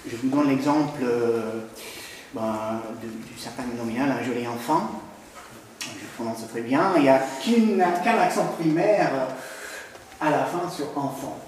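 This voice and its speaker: A man giving an academic talk on language history, hesitant with frequent pauses and fillers. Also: mid-range voice, a little mellow, very echoey, far from the mic, a little hiss or hum, rough recording. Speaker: lecturer.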